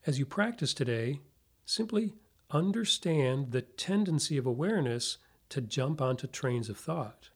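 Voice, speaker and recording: A man narrating a guided meditation like a sleep story narrator, giving gentle, unhurried instructions with long pauses. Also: medium pitch, lively intonation, slightly rough. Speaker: meditation teacher.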